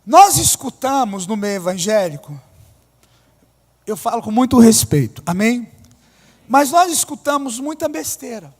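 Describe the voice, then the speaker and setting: A high-pitched man preaches from the pulpit, pressing his points hard and then dropping into low, humorous asides. His voice rings out with a long reverb in a church hall. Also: expressive, unhurried, long pauses. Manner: emphatic, shifting between loud declarations and low asides, humorous. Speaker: pastor. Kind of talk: sermon.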